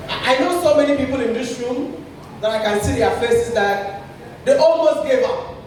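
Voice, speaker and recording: A man giving a lively motivational talk to an audience, animated, repeating himself and laughing often. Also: very high-pitched, moderate pace, a little hiss or hum. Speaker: speaker at a creators' session. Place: indoor event room with audience. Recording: echoey event hall, from far off.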